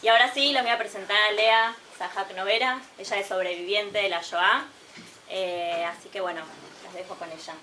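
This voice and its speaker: Bright-toned woman hosting an event introduction, casual and full of fillers. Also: mid-range voice, fairly even intonation, a little hiss or hum, low-quality recording. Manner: informal, many filler pauses. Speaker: museum representative introducing the speaker.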